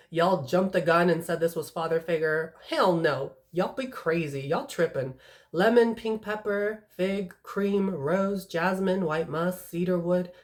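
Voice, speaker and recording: Sassy woman reviewing fragrances. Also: fairly low pitch. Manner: sassy, animated, slangy and blunt. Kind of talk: casual vlog review.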